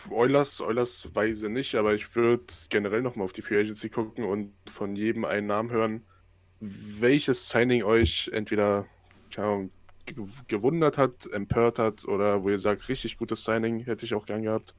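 A man co-hosting a casual podcast, speaking in an animated, exclaiming way. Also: fairly low pitch, moderate pace, no echo. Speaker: podcast co-host.

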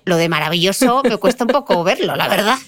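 A woman's voice: medium pitch, lively intonation, fast, fairly bright tone. A woman hosting a podcast, asking questions in an inquisitive, lightly teasing way. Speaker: podcast host. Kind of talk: podcast interview conversation.

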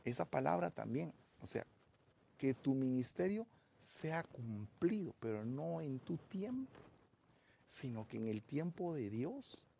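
A man's voice: mid-range voice, big pitch swings, takes it slowly, vocal fry, warm tone, slightly rough. A man preaching a sermon as a pastor, calling his listeners brother and building up emphasis.

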